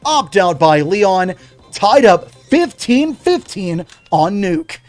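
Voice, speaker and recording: A man's voice: sits high, very animated, takes it slowly, soft background music. A young man calling a live video game match play by play, breaking off to chat with viewers. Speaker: game commentator and streamer.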